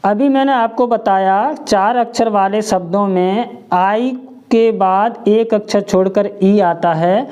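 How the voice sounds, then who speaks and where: A woman's voice: medium pitch, slow pace, warm tone, clean tone. A woman teacher giving a pronunciation lesson, spelling words letter by letter and asking and answering her own questions.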